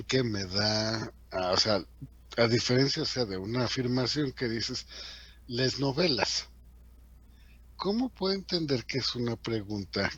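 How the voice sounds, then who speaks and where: Slow husky teacher, muffled. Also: male voice, medium pitch, expressive, fairly bright tone, dry recording. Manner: chatty, asks the class rhetorical questions. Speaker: English teacher. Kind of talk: classroom lesson explaining grammar.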